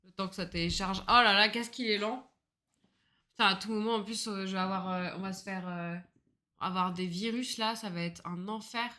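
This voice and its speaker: A woman's voice: medium pitch, fairly even intonation, moderate pace, sharp tone. A woman streaming a game, chatting casually in a rambling, self-mocking way, laughing often and swearing freely. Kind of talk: casual gaming livestream chat.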